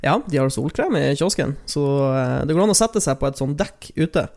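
A man's voice: fairly high pitch, lively intonation, gravelly, a little mellow. A man chatting casually and matter-of-factly as a podcast guest. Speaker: podcast co-host, offshore worker. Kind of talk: casual chat.

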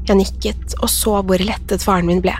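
A woman narrating a horror story in a measured, suspenseful way. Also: mid-range voice, steady tone, darkish tone.

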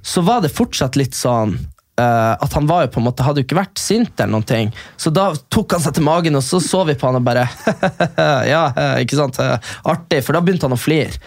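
Animated young man telling a wild story. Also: a little high, creaky, no room sound, studio quality. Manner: animated storytelling, acts out voices in quotes. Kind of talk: casual chat.

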